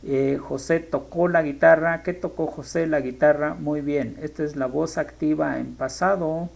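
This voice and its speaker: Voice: mid-range voice, fairly even intonation, a little slow, gravelly, a little mellow, low-quality recording. A teacher explaining grammar in a lesson, thinking aloud and stopping often to correct themselves. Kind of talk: screen-share grammar lesson.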